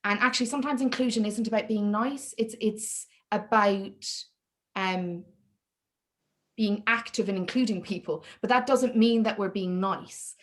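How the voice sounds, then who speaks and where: A woman guest speaker talks through leadership and inclusion at an online meetup. Her delivery is chatty and self-deprecating, full of quick restarts, at an ordinary middle pitch. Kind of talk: presenting and answering questions in an online meetup.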